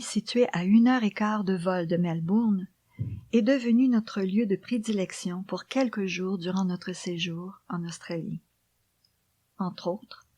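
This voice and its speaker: A woman reading memoir and poems in a soft, hushed library whisper, with slow, deliberate phrasing. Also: medium pitch, dry recording. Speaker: author reading her own book.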